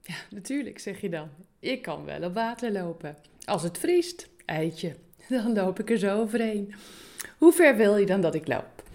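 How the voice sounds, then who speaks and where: A woman of middle pitch speaks in an earnest, encouraging devotional talk. She turns questions to the listener and urges them on. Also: big pitch swings, normal speed, a little mellow.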